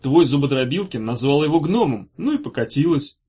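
A man's voice: on the high side, expressive, fairly quick, dark tone, slightly rough. A man voicing a cheerful, mischievous young brother in an audiobook, in an easygoing, playful manner. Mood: amused. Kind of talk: audiobook character voice. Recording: dull lo-fi recording.

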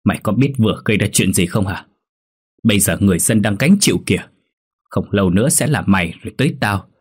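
A man voicing a stern, quick-tempered wealthy old landlord who scolds and makes demands. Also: on the low side, husky. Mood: furious.

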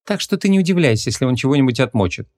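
A man voicing a brisk young policewoman in an audiobook, hesitant when covering up. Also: mid-range voice, animated, a little mellow, no room sound, clean studio sound, lightly acted. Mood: evasive.

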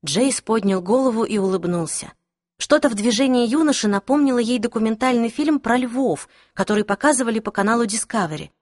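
A woman narrating a fantasy novel as an audiobook, in an even, clear storytelling manner. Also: on the high side, brisk, no room sound, studio quality. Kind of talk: scripted narration.

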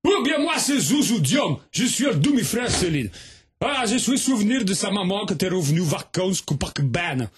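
Man doing a high, hoarse-edged show-off in a wig, excitable, broken French, loud radio-comedy caricature. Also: normal speed, full character voice. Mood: boastful. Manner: shrill, shouting, broken French.

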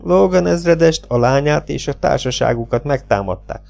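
A man voicing a calm, unbothered young Mexican male outlaw in an audiobook, with a gravelly voice. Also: fairly high pitch, faint music behind. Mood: calm, flat.

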